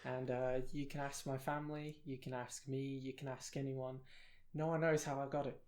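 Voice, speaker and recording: Co-hosting a laid-back podcast conversation, a young South African man with a British accent meanders along, putting himself down and using lots of fillers. He has a medium pitch, level tone, moderate pace, and a slightly mellow quality.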